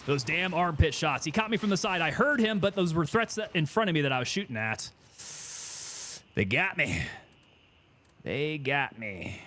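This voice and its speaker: A gaming streamer with a mid-range, slightly bright voice chats casually while he plays. He thinks out loud and talks with his teammates as the game goes on.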